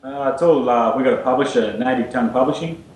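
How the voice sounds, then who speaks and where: Australian male bassist, dry wit, halting delivery, medium pitch, echoey room. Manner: dry humour, hesitant. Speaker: bass player, guest. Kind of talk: casual interview chat.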